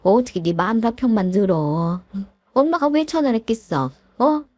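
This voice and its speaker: A woman's voice: on the high side, animated, moderate pace, a little mellow, no room sound. A woman voicing a domineering middle-aged mother-in-law who scolds and whines reproachfully.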